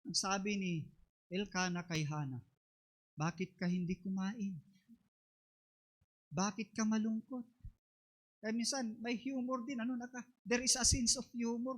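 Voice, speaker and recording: A man's voice: very high-pitched, fairly bright tone. A man with a Filipino accent preaching a Pentecostal sermon in church, mixing in English and building to emphatic points. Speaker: pastor.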